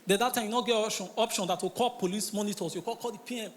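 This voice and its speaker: A man's voice: high voice, rapid-fire. A man with a Nigerian Pidgin accent doing stand-up comedy, telling stories and acting out the characters in them. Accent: Nigerian Pidgin English. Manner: animated storytelling, acting out characters. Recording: reverberant hall.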